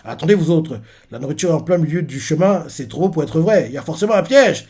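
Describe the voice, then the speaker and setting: A man reading a cautious, steady fighter. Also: on the high side, quick pace, breathy edge. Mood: warning.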